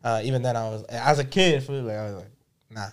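A man's voice: mid-range voice, fast. A man hosting a podcast in casual group chat, slangy, swearing freely and often repeating himself. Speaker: podcast host.

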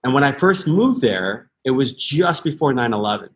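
A man's voice: medium pitch, big pitch swings, moderate pace. An American man in his thirties, a podcast guest, talking earnestly and thoughtfully, often restarting his sentences. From United States. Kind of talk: reflective interview talk.

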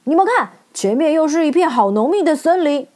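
A woman voicing a clever, calm male scarecrow who speaks briskly and eagerly in a storybook reading. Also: a little high.

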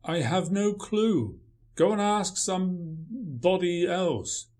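A man's voice: sits high, lively intonation, slow, a little mellow. A man playing a grumpy male writer, dry, sarcastic and dismissive in a radio play. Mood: sardonic.

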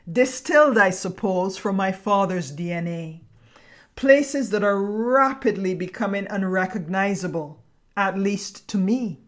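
A middle-aged woman from Barbados with a Barbadian accent, reading a reflective scripted narration in measured, poetic phrasing as a podcast host. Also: mid-range voice.

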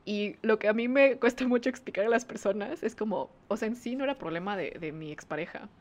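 A woman's voice: medium pitch, brisk. A woman, co-hosting a podcast in casual chat, talking with many fillers and frequent laughs. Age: 20s. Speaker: podcast co-host.

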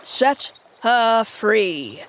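A woman voicing a commanding, melodramatic male pirate captain who bellows menacing, drawn-out words. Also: on the high side, very animated, fairly bright tone, a little hiss or hum, full character voice. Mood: imperious. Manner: slow drawn-out bellowed orders.

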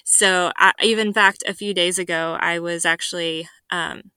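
A young woman raised in Guatemala and Mexico, earnestly sharing a personal faith story as a podcast guest, with many ums and soft laughs. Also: fairly low pitch, fairly even intonation, normal speed, clean tone, no room sound. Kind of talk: personal testimony in a podcast interview.

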